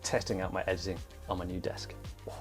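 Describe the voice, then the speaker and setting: Speaking quickly over background music, the trials rider addresses his vlog viewers casually in a low, flat voice. His words come out a bit thick, as if something inside his mouth has swelled up.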